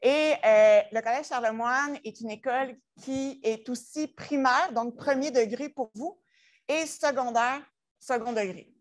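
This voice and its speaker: A school innovation director from Quebec, Canada, gives a conference presentation in a presentation room, chatting and joking along the way. She speaks unhurriedly in a fairly high voice with a Québécois French accent.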